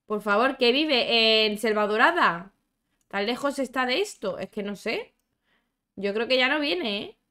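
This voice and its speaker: A young woman with a somewhat high voice, chatting her way through a life-sim game. She exclaims a lot, talks back to her characters and reads out chat from her viewers in a loose, playful commentary. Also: expressive, measured pace, pushed and bright. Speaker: gaming YouTuber. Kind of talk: casual gameplay commentary.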